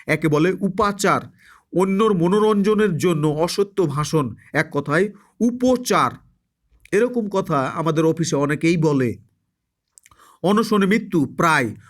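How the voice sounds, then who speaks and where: A man with a Bengali accent giving an exam review lesson, spelling words out letter by letter and repeating answers for emphasis. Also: a little high. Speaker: exam prep tutor.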